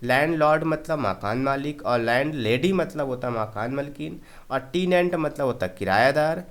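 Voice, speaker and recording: A man teaching English vocabulary in a slow classroom style, often checking whether the point is clear and repeating each meaning. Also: medium pitch, animated. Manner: explains slowly, keeps asking "clear?" and repeating meanings.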